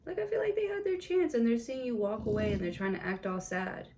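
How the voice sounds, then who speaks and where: A woman's voice: a little high, fairly quick, noisy background. A woman giving a casual tarot reading, blunt and chatty with plenty of swearing, in a room with a window open. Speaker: tarot reader.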